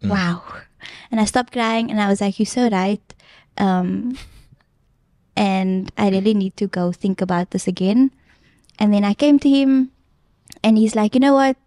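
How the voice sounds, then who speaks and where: A woman's voice: medium pitch, a little slow, pauses often, warm tone, no room sound, clean studio sound. A young woman guest earnestly retelling a personal story in casual chat, with plenty of filler ums. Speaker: podcast guest.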